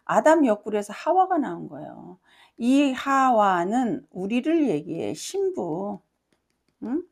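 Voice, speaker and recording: A woman's voice: mid-range voice, vocal fry. A middle-aged woman pastor preaching a sermon with personal testimony, emphatic and often asking her congregation questions.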